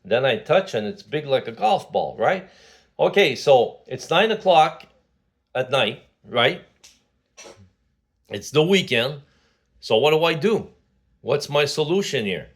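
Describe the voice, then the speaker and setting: A man's voice: medium pitch, sing-song, slow pace, pauses often. Man, sixties, from Quebec, casual vlog monologue, rambling, full of fillers and restarts. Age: 60s. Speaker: vlogger.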